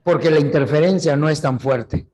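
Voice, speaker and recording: In an online language lecture, a middle-aged man from Peru chats his way through the lesson, asking questions and supplying the answers on his own. His voice is a little high and warm, and he keeps a moderate pace.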